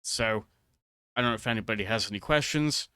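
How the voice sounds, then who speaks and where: Male vlogger, low but bright voice, casual and halting, rambling to viewers. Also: clear, resonant tone, no echo, studio quality. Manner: hesitant, halting, trailing off mid-thought. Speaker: vtuber video creator.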